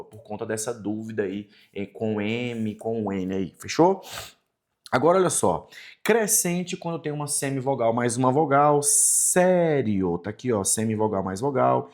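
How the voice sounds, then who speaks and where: A Brazilian man teaching a Portuguese grammar lesson for exam prep, stretching out example words and checking in with the class. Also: mid-range voice. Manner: lively, drawn-out example words, frequent "tá vendo?" checks.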